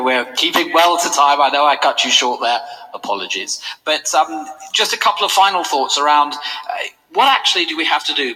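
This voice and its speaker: Male panel moderator, very bright sharp tone, hesitant with frequent restarts. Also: medium pitch, poor audio. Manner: hesitant, with many restarts and fillers. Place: conference hall.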